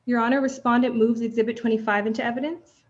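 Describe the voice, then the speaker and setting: A woman's voice: a little high, level tone. Young woman questioning in a lo-fi courtroom recording. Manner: measured, formal questioning. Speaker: trial advocate. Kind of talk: formal courtroom examination.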